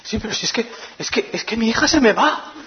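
A man from voicing an anxious father, hurried and pleading, on a muffled recording. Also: extremely high pitch, lively intonation, voice pushed up. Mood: pleading urgency. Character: anxious father urging haste, middle-aged man.

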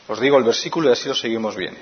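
A man preaching a sermon in a Spain Spanish accent, swinging from loud emphatic lines to near-whispers. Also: mid-range voice, rapid-fire. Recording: muffled lo-fi recording.

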